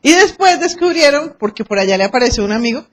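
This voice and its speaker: A Colombian woman lecturing a class on arbitration, lively and acting out quoted exchanges and anecdotes. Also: sits high, fast talker.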